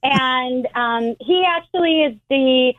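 A middle-aged American woman, a rabbi, explaining things in a measured way with frequent restarts over the phone. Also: high voice. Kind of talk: phone interview. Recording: tinny phone line.

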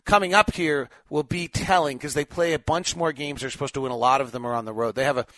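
A man's voice: medium pitch, fairly even intonation, quick pace, a bit bright, no echo. A man hosting a sports podcast, giving unscripted commentary and thinking aloud in short, clipped assessments.

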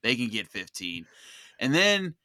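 Animated man telling a sports story. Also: mid-range voice, measured pace, dry recording, studio quality. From Pittsburgh area. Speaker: podcast guest. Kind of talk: casual sports chat.

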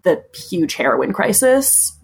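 A woman from Massachusetts chatting as a podcast guest, relaxed and frank, with lots of likes and ums. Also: mid-range voice, slow, vocal fry, husky. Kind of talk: casual chat.

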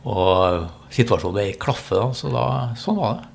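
A man's voice: lowish voice, lively intonation, creaky, a little hiss or hum. A middle-aged man with a Trøndelag Norwegian accent, telling stories casually as an interview guest. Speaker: interview guest, business executive. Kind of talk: casual conversational storytelling.

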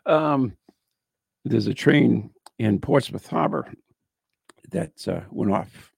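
Gravelly, husky man reading ghost tales. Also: animated, slow, a little mellow, no room sound. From United States. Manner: chatty, joking, slips into playful high voice. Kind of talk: casual chat, reading ghost stories aloud.

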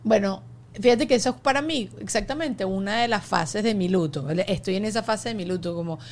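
A woman podcast host, chatting in a lively, emphatic way. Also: mid-range voice, a little fast, slight background noise. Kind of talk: casual conversation.

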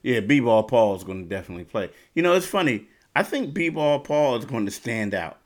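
A man's voice: medium pitch, big pitch swings, a little fast. A man hosting a casual sports podcast, thinking aloud, repeating himself and tossing out questions.

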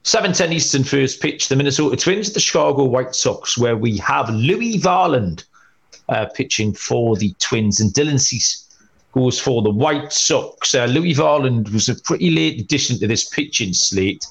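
A man hosting a sports betting podcast, talking in a middle-pitched voice. He runs through pitching stats and betting lines in relaxed chat, leaning on "um" and "uh" as he goes. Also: creaky. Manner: brisk, reads stats with filler "um" and "uh". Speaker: podcast host.

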